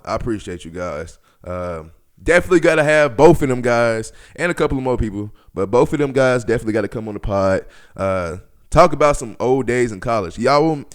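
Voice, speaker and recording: His voice is medium-pitched with a clean tone. He's a podcast host in his 20s whose casual stories come out animated, full of slang and profanity, with quoted lines acted out.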